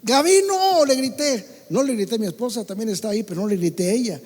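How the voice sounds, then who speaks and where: A man with a Mexican Spanish accent preaching a sermon to his congregation, swinging between loud calls and soft asides. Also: high-pitched, quick pace, long reverb tail. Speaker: pastor. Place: church hall.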